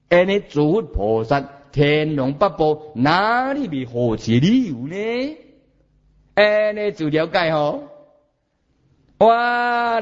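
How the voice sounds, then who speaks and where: A man with a Taiwanese accent giving a Buddhist sermon, animated, chanting examples and questioning his listeners. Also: a little high, highs cut off. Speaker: Buddhist teacher.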